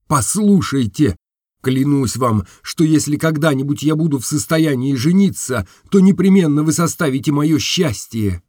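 A man reading an audiobook, voicing a poor young man who speaks earnestly and gently, as if making a solemn promise. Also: a little high, expressive, no echo, clean studio sound. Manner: gentle, pleading, measured.

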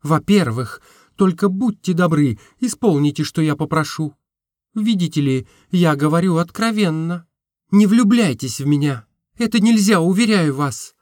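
A man voicing a frank, earnest young woman who gently teases, in an audiobook reading. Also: fairly high pitch, animated, moderate pace, no echo, clean studio sound, pitched above the performer's own voice, close to an everyday voice. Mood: earnest confiding. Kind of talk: audiobook character voice.

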